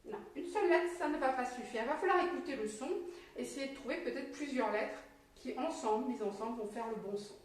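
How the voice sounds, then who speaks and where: A woman teacher giving a slow, encouraging reading lesson to a young child, sounding out syllables clearly. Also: high voice. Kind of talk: patient early-literacy lesson. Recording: very echoey room, mic at a distance.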